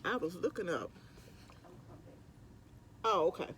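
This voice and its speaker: A high-pitched, somewhat bright voice with lively intonation belongs to a middle-aged mukbang vlogger chatting at a slow pace on his work lunch break. He rambles conversationally while eating, occasionally mouth full, with slight background noise.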